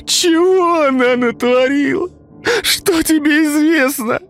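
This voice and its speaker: A man's voice: high voice, animated, extremely slow, fairly bright tone, soft background music, pitched above the performer's own voice, exaggerated voice. A man reading a story, voicing a grieving older peasant mother who cries and laments. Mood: wailing. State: crying.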